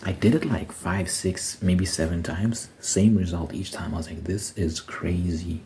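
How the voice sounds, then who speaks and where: A man's voice: deep voice, moderate pace, dark tone. A man giving a casual, reflective personal monologue, thinking aloud in short phrases as a vlogger. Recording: noticeable background noise.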